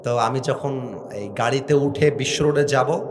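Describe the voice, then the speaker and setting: A man from Bangladesh preaching a sermon to a gathering, shouting and acting out stories as he goes. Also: mid-range voice, normal speed. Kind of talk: Bengali waz sermon.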